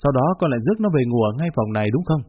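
A cold, blunt middle-aged mother, read by a man, speaking in a flat, level voice that never softens. The voice sounds husky, and the storybook recording sounds dull and lo-fi. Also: medium pitch, very fast. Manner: flat, level, unbending delivery.

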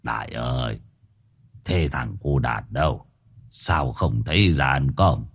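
A proud old grandfather, frail but gruff, as a storyteller puts him on. The voice drops deep and drags slowly, with a husky grain. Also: full character voice. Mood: gentle asking.

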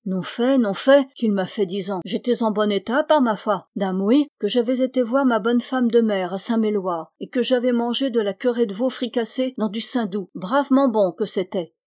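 A frightened young shepherd, read by a woman, feverish and anxious, rambling in plain country speech. The voice sits a little high and sounds close and dry. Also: moderate pace, hardly any pauses, a little mellow, no room sound, natural voice.

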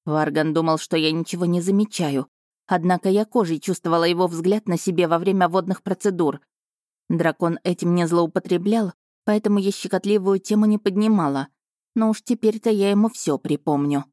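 A woman's voice: on the low side, fairly even intonation, fairly quick, darkish tone, no echo, clean studio sound. A woman narrating a first-person fantasy romance audiobook in a sarcastic, indignant tone.

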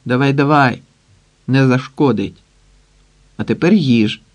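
A man's voice: mid-range voice, measured pace, close to an everyday voice. A man voicing a brash, coarse middle-aged woman in an audiobook, bossy and wheedling by turns. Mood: coaxing.

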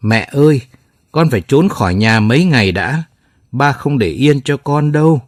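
A man's voice: medium pitch, lively intonation, normal speed, dry recording, clean studio sound, close to an everyday voice. A man voicing a remorseful teenage son who speaks in a subdued, crying voice.

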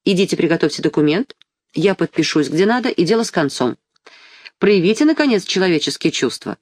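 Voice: mid-range voice, sing-song, brisk, no room sound. A shady, commanding doctor, as the reader puts him on, speaking in a plain mid-range voice. He snaps short orders and turns falsely soothing when it suits him. The sound is dry and close. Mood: stern. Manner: curt, commanding. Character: crooked doctor, adult man, pushy.

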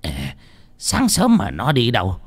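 A harsh old village official, once proud and cruel, stammers and wails, played by a male narrator. His voice swings from low growls to high cracked cries. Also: huge pitch swings, a little slow. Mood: alarmed. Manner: wailing, stammering.

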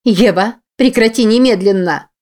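Woman reader voicing a frantic young mother, audiobook, shouting, pleading, low voice. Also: fairly even intonation, unhurried. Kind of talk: audiobook character voice.

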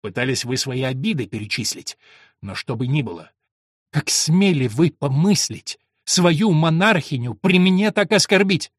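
A man's voice: a little high, animated, measured pace, no echo, studio quality. A man reading a verse play aloud and voicing a servant torn between vengeance and love, in a declamatory manner. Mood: indignant. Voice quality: husky, declamatory. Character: Ruy Blas, lovesick servant turned avenger, adult man.

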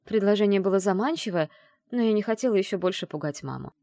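A woman narrating an audiobook in the first person, with expressive storytelling. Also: mid-range voice, quick pace, no echo, studio quality.

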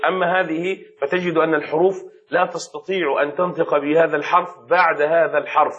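Patient Arabic teacher, slightly high voice. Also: male voice, steady tone, quick pace, fairly bright tone, slight background noise. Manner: patient, repeats key words and checks understanding. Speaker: sheikh teaching Arabic rhetoric. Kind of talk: classroom lesson. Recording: dull lo-fi recording.

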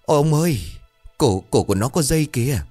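A man voicing a frightened older village wife who begs and trembles in a shrill voice. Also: expressive, fairly quick, a little mellow, faint music behind, lightly acted. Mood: terrified.

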